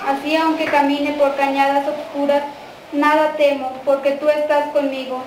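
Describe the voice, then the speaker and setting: A Mexican woman leading the prayers and readings at a mass, reciting in a measured, even way in a church. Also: high voice. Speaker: prayer leader at a quinceañera mass. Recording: echoey church from far off, faint noise.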